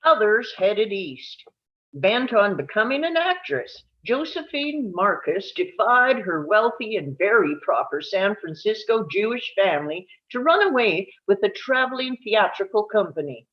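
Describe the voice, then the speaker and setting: At a live table read, a woman reads scripted narration in a storytelling manner, occasionally tripping over a word. Her medium-pitched voice is animated and unhurried, and the recording sounds dull and lo-fi.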